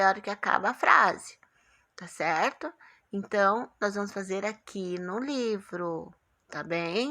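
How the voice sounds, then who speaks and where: A woman's voice: medium pitch, pushed and bright. A woman with a Brazilian Portuguese accent teaching a primary school class in a recorded remote lesson, patient and coaxing, checking in often with her pupils.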